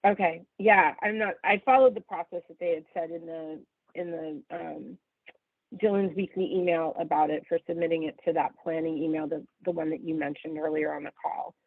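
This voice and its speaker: A woman's voice: sits low, fairly even intonation, moderate pace, no room sound. Woman caller over the phone, thin phone-line sound with no room around it, polite and hesitant. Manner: polite, hesitant, with many fillers. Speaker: member of the public commenting. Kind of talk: public meeting comment. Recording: tinny dry phone line.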